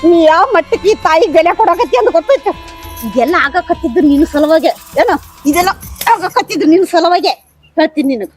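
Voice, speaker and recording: A woman's voice: very high-pitched, expressive, brisk, faint music behind. A woman with a North Karnataka accent playing a harsh, scolding stepmother-in-law in a village family drama skit. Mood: resentful. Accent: North Karnataka Kannada. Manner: taunting, scolding.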